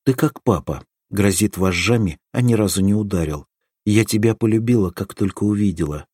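A man reading the part of an affectionate, teasing young village girl in an audiobook, lifting his voice into a bright pleading lilt. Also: fairly low pitch, moderate pace, husky, no room sound, studio quality. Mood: tender.

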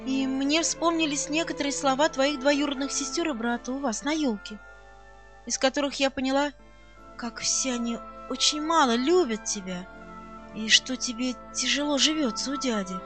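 A woman voicing a gentle, serious girl who speaks earnestly and tenderly in an audiobook reading. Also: very high voice, lively intonation, measured pace, soft background music. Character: gentle serious rich girl, orphan's friend.

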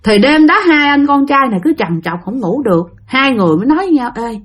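A woman's voice: high-pitched, expressive, fast talker, soft background music. Chatty woman telling a ghost story. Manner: chatty, addresses listeners directly. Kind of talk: spoken ghost story narration.

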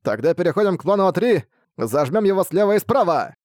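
A man voicing small cowardly bat minions in an audiobook, shrill, boastful and panicky. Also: very animated, a little fast, darkish tone, no echo, studio quality. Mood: shrill boasting. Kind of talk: audiobook reading.

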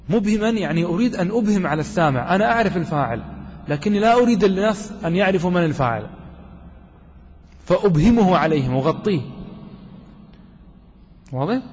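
A man teaching a grammar lesson to a class. He often puts questions to his students and repeats words slowly. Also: a little high, a little mellow, breathy edge. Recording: dull lo-fi recording with long hall reverb.

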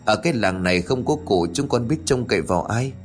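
A man's voice: fairly low pitch, animated, brisk, soft background music, lightly acted. A man voicing a pious middle-aged village father who speaks tearfully and pleadingly.

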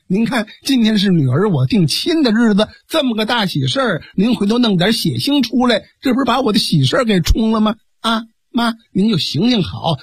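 A man's voice: high voice, slightly rough, no echo, studio quality, exaggerated voice. A male storyteller voicing an earnest young woman in a traditional tale. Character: young woman disguised as a man, pleading.

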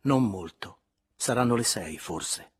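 A man's voice: fairly low pitch, expressive, slow, husky, full character voice. A man reading aloud and voicing a passionate young lover with a hard, clipped delivery. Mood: subdued. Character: young man, passionate and harsh, then bitter.

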